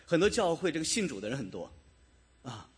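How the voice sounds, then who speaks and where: A man's voice: a little high, very animated, a little fast, husky. A man preaching a sermon in a church, talking to his congregation, asking them questions and chuckling now and then. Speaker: pastor.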